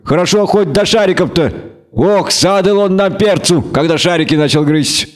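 A man's voice: high voice, normal speed, pitched above the performer's own voice, close to an everyday voice. Man voicing a middle-aged village peasant, anxious, talkative, folksy, rambling, raised voice. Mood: alarmed.

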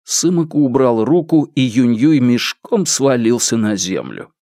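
A man reading a novel aloud as an audiobook narrator, with an expressive, dramatic delivery. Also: mid-range voice, measured pace, no echo, clean studio sound.

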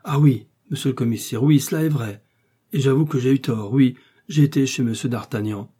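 A man's voice: a little fast, warm tone, slightly rough, close to an everyday voice. A man voicing a frightened, anxious middle-aged shopkeeper who pleads and protests in a storybook reading. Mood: pleading. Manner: pleading, protesting, rising pitch.

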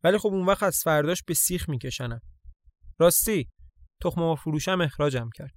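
A man's voice: fairly high pitch, lively intonation, no echo, lightly acted. A man voicing a blunt, mocking teenage village girl in a storybook reading. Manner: scornful, teasing.

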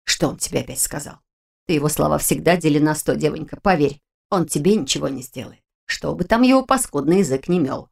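A woman voicing a fussy elderly female cook who scolds with care, in a lower, hushed, hoarse and folksy voice. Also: animated, fairly quick, exaggerated voice. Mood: worried scolding.

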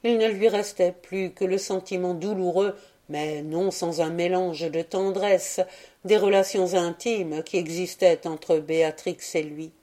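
Mellow-voiced woman reading a tale. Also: on the low side, steady tone. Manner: measured literary reading. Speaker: audiobook reader. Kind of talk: scripted narration.

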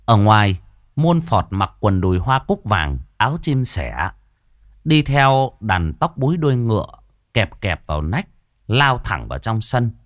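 A man narrating a story in a lively, expressive way into a close mic. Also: on the low side, unhurried, no room sound.

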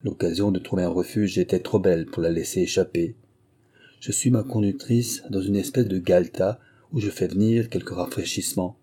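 A man reading a first-person memoir aloud as an audiobook narrator, in steady, measured storytelling. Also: sits low, slightly rough.

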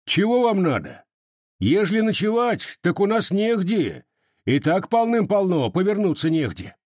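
Timid old cossack fussing in a high voice, a man putting him on. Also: very animated, measured pace, a little mellow, no room sound, studio quality, exaggerated voice. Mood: anxious. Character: meek elderly Cossack householder, anxious.

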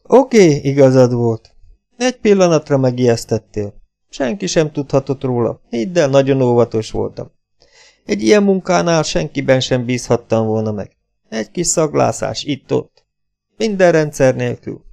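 A bitter, washed-up old spy who has given in to the bottle, voiced by a man reading an audiobook. His voice sits noticeably higher than the reader's own and comes out loud. He grumbles and complains at everything. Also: very animated, creaky. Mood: grumbling. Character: bitter washed-up older male ex-spy, a heavy drinker. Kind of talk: audiobook character voice.

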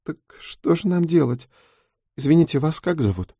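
A man's voice: a little high, expressive, normal speed, mellow, slightly rough, no echo, studio quality, pitched above the performer's own voice. A man voicing a frightened young female schoolteacher who speaks tearfully. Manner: tearful, pleading.

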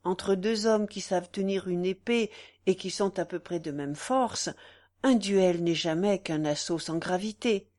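A woman reading the part of a gentle young gentleman who soothes a weeping lover before a duel, in a slow, tender manner. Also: fairly low pitch, natural voice.

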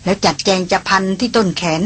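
A woman reading a novel aloud as an audiobook narrator, in steady, even narration. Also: fast.

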